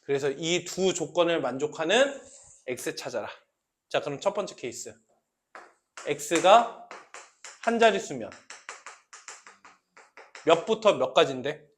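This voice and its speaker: Male math tutor, high pitch, slow delivery, quizzing the class as he explains. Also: expressive. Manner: questioning students, repeating key terms, varying loudness. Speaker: math teacher. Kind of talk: classroom lecture.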